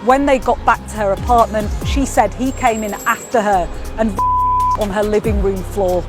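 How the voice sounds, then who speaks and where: A woman's voice: medium pitch, fairly even intonation, moderate pace. Woman news reporter over music.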